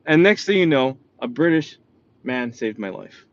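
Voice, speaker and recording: A man's voice: mid-range voice, moderate pace. New York man telling stories, dull lo-fi sound. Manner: animated, repeats "right?". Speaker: motivational speaker. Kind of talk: motivational storytelling.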